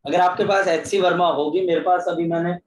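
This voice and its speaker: A man's voice: high voice, fairly even intonation, brisk. A man teaching a physics class online in a coaxing, repetitive way, often calling his students "kids". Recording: echoey room with faint ambient noise.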